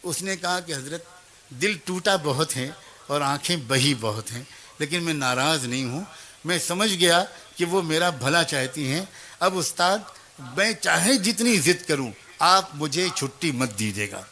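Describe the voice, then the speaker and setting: Man preaching a story sermon, emotive, acts out the people in it, pretty high bright voice. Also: lively intonation, slight background noise. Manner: emotive, voices the teacher, child and mother in turn; addresses mothers and young people directly.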